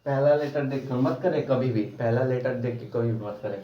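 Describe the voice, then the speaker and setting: A man teaches a grammar lesson, firing questions at the class and answering them himself. His voice sits at a middle pitch and is picked up from a distance, so it sounds thin and far away. The room is echoey and the recording sounds dull and lo-fi. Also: normal speed. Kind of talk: classroom lecture.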